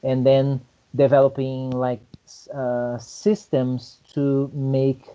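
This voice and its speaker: A man's voice: mid-range voice, little pitch movement, slow, mellow, dull audio. A man chatting casually in an online meetup, explaining his ideas in long, rambling turns. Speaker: meetup participant. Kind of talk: casual chat.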